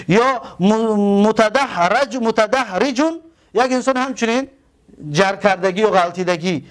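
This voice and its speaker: High-voiced Tajik teacher drilling grammar. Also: male voice. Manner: repeats key terms slowly, asks rhetorical questions. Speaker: religious school teacher. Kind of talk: grammar lesson.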